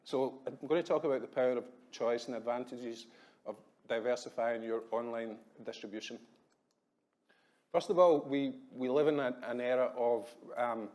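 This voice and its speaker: A man in his thirties from Glasgow with a Glaswegian accent, giving a quick, chatty business presentation at a conference with plenty of ums. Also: mid-range voice, a little mellow. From Scotland. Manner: quick, chatty, self-deprecating, many ums. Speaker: conference speaker. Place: hotel conference room.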